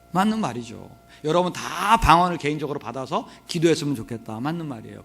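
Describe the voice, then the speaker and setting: A man's voice: on the high side, a bit bright. A man preaching a sermon as pastor, joking and asking the congregation questions, sometimes slipping into regional dialect. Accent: Korean dialects mixed, Jeolla touches. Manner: humorous, asks the congregation questions and has them repeat. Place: church sanctuary.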